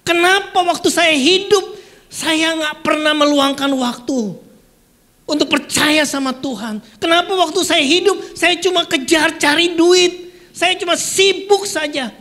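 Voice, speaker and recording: Preacher doing a lost soul in hell, high and pleading, sorry for a wasted life. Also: a little slow, sharp tone, heavily acted. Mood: regretful. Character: regretful damned soul lamenting in hell.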